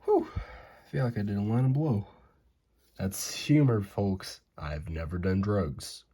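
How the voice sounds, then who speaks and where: A young man with a Southern American accent, host of an animation channel, rambles and jokes to himself as he draws at home. His voice is lowish and mellow, and he takes his time with casual commentary on the drawing.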